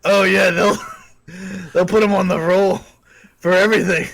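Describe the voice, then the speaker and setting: A man's voice: high-pitched, level tone, unhurried, gravelly, a crowd in the background. A man co-hosting a casual livestream chat, joking around and laughing often. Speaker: co-host of a livestream.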